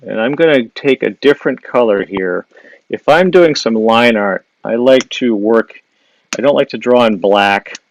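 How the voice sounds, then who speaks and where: An illustrator from Wisconsin, speaking with the local accent, draws live for a social video stream, talking himself through the sketch with frequent fillers and false starts while reading viewers' questions. His mid-range voice is unhurried, and the device mic yields a rough recording.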